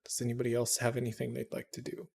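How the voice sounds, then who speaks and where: A man's voice: medium pitch, monotone, fast talker, creaky, warm tone, husky. A man narrating as game master, describing scenes in a loose, rambling way. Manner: casual, rambling with restarts.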